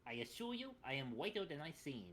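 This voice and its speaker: Man voicing Leaf, a quiet formal moth. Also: a little high, big pitch swings, fast talker, vocal fry, soft background music, pitched above the performer's own voice, exaggerated voice. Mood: polite. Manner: quiet, stiff and courteous. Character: formal, soft-spoken male moth explorer.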